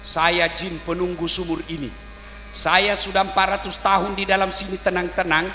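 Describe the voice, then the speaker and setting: Old jinn in a well done by a man, deeper voice, echoey hall, faint hum. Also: flat delivery, normal speed, sharp tone. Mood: fed up. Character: ancient male well-guarding jinn, fed up.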